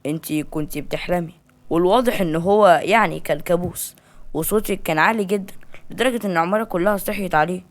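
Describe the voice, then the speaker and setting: A woman's voice: lowish voice, fast talker, lightly acted. A woman voicing a protective young man in an Egyptian Arabic accent, earnest and pleading. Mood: insistent.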